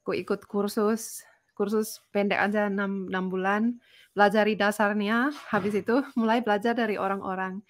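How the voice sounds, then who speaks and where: A woman's voice: medium pitch, level tone, moderate pace. A woman from Finland, a native Finnish speaker, chatting casually as a foreigner speaking fluent, colloquial Indonesian. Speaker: interview guest. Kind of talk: casual chat in a learned language.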